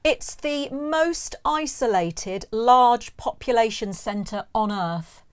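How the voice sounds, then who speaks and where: A woman co-hosts a relaxed trivia podcast. She talks in a chatty, easygoing way and keeps quizzing her partner with odd facts. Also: on the high side, takes it slowly, clear, resonant tone. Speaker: podcast co-host. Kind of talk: casual trivia chat.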